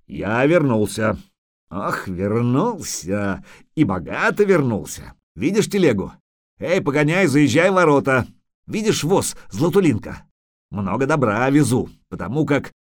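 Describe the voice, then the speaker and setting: A man voicing a hearty middle-aged merchant who talks in booming exclamations. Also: very animated, unhurried.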